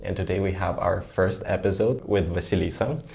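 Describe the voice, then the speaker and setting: Deep gravelly male podcast host. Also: steady tone, moderate pace, a little mellow. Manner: friendly, prompting questions and affirming often. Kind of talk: casual podcast interview.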